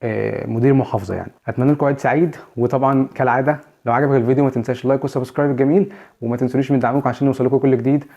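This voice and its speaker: Rapid-fire Egyptian man teaching. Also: medium pitch, fairly even intonation, vocal fry, warm tone, muffled recording. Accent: Egyptian Arabic. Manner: chatty, repeats and restates points. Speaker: English teacher and channel host. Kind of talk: casual video lesson.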